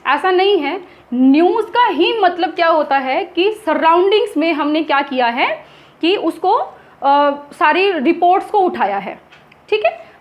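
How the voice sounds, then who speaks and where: A woman teaching English grammar in Hindi, asking and answering her own questions and dictating examples slowly. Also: very high voice, dull audio. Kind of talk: classroom lesson in Hindi.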